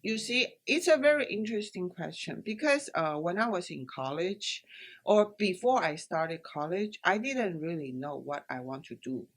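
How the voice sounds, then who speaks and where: A woman's voice: on the low side, expressive, moderate pace. A middle-aged woman from Taiwan, not an English speaker, answering interview questions in a hesitant way with many fillers and restarts. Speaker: interview guest, business owner.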